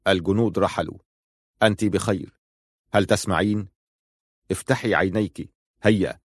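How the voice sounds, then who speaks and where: Narrator doing a commanding male leader with a protective streak, low, dry close voice. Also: fairly even intonation, moderate pace, no room sound. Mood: gentle. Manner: firm, clipped orders softening to gentle reassurance. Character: stern protective male clan leader, commanding yet tender.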